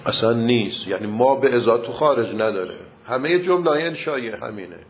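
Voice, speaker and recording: A man at middle pitch teaching a seminary class, arguing his point with rhetorical questions and patient explanation. The recording sounds dull and lo-fi. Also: animated, slight background noise. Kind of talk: classroom debate on grammar and logic.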